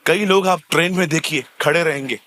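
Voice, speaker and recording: A man preaching as a pastor in a church, animated and acting out little scenes of everyday people, slipping English words into his sermon. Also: on the high side, fairly quick. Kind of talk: lively sermon.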